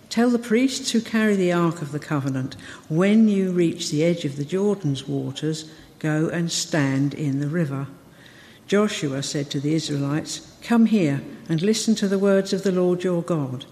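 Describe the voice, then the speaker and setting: A woman reading a Bible passage aloud to a congregation, steady with small slips. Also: on the low side. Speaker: scripture reader. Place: church. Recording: long church reverb.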